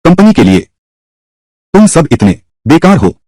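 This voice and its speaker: A man's voice: a little high, big pitch swings, unhurried, a little mellow, dry recording. A man playing a scornful scolding boss. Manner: scolding, contemptuous. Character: scornful male company boss scolding his staff. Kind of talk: Hindi drama dub.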